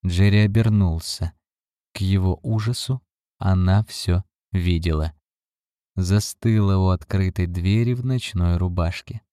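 Slow, deep male audiobook narrator. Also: dark tone, no echo, clean studio sound.

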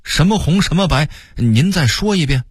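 Brief: excitable old Beijing snack shop manager with a Beijing accent, husky and lively, put on by a male narrator. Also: sits low, moderate pace, no echo, studio quality. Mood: startled. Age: older. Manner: animated, delighted exclamations.

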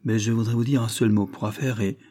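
A man's voice: on the low side, steady tone, fast talker, mellow, close to an everyday voice. A man reading a bold, biting tenant. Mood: insistent. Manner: respectful yet biting, nearly imperious. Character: deferential but bold male tenant seeking a lease.

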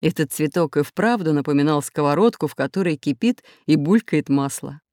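A narrator reading a children's storybook aloud in a steady, expressive way. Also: mid-range voice, a little fast, no room sound, clean studio sound. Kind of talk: audiobook narration.

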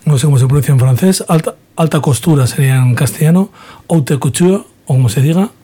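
A man from hosts a music radio program in a loose, rambling way, stopping to correct himself as he goes. His voice sits a little high and sounds mellow and warm. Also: quick pace, slightly rough. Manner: rambling, self-correcting, informal. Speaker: radio host. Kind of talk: casual radio show chat.

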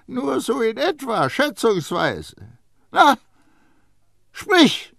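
A man voicing a stern, blustering elderly master perfumer who scolds and mocks loudly, in an audiobook. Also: very high voice, huge pitch swings, extremely slow, gravelly, no room sound, clean studio sound, pitched above the performer's own voice, exaggerated voice. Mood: mocking. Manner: loud, scolding and mocking. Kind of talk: audiobook character voice.

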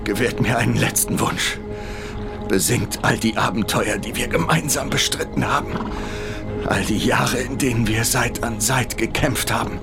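A man's voice: mid-range voice, moderate pace, creaky, close to an everyday voice. Man acting a proud warlike medieval king, music behind. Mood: dying, solemn. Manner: grandiose, commanding, archaic courtly speech. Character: proud warlike medieval English king, glory-hungry, imperious. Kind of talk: audio drama acting.

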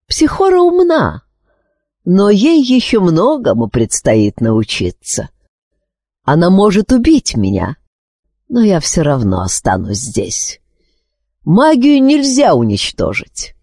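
A wise, calm male sorcerer from a storybook, played by a woman reader. He talks slowly with gentle irony, his pitch moving widely. The sound is dry and close. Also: husky, no echo, exaggerated voice. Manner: calm, unhurried, gently ironic.

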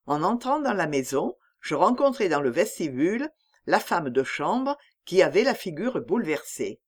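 A woman reading a literary audiobook aloud in a measured, expressive storytelling manner. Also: on the low side. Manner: measured storytelling, lively intonation. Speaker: audiobook reader.

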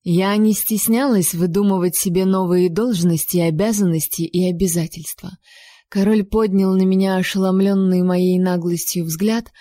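A woman reading a first-person novel aloud, lively and playful in her storytelling. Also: mid-range voice, dry recording, clean studio sound. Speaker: audiobook narrator.

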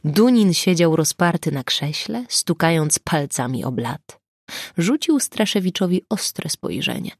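A woman reads a novel aloud as an audiobook with a wry, expressive delivery. Her voice sits low with a gravelly texture and moves lively up and down. The recording is close and dry. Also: measured pace, dry recording. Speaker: audiobook narrator. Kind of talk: scripted audiobook narration.

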